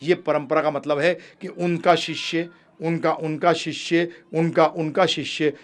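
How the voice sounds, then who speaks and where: A man giving a spiritual sermon, animated, swinging from emphatic high calls to low quick asides and addressing listeners as "prabhu ji". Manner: ends with devotional sung calls. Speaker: spiritual teacher.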